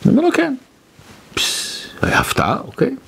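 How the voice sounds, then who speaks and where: A male rabbi telling a story in a talk, acting out the quotes as he goes. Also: a little high. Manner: animated storytelling with acted quotes.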